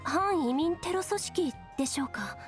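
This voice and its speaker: A woman voicing a poised young swordswoman in a game, composed and crisp, with music playing under the voice. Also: sits high, lively intonation, fast. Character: poised young female swordswoman, A-rank bracer. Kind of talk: Japanese game voice acting.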